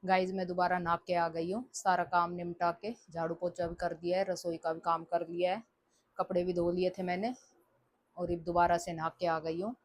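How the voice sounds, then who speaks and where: A woman's voice: on the low side, flat delivery, moderate pace, dry recording. A woman in her thirties, a mother, chatting casually to viewers about her chores in a daily vlog. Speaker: home vlogger and mother.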